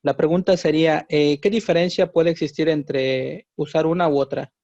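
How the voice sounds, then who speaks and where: A man's voice: on the high side, fairly even intonation, moderate pace, a little mellow, no room sound. A man asking a polite, slightly hesitant question as a student in an online class. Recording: dry, muffled online call audio.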